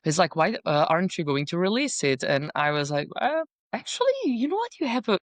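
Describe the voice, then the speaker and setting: A young woman author, appearing as a guest in an interview, chats casually with many fillers and restarts. She is from Bosnia and Belgium, and English isn't her first language; she speaks French, Dutch and Bosnian. Her voice is on the low side, sing-song and brisk, in a dry recording.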